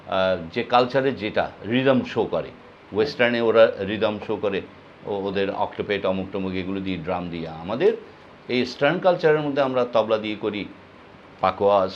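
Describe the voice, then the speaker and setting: A man giving a spoken music lesson, explaining pronunciation slowly and demonstrating words and short sung phrases. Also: on the low side, dull audio, slight background noise. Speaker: music teacher.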